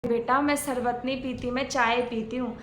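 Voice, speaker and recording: A woman playing a gentle, soft-spoken older mother who calms and mildly scolds her daughter. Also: a little high, moderate pace, a little hiss or hum, lightly acted. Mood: soothing. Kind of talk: homemade family skit acting. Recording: echoey room.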